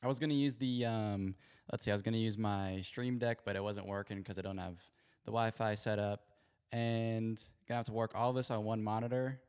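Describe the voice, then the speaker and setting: Low-voiced man streaming from an echoey garage. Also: steady tone, a little fast, a little mellow, clean tone. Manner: rambling, informal, apologetic. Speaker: sports show host. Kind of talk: casual livestream chat. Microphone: spare handheld mic. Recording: echoey garage sound, handheld mic.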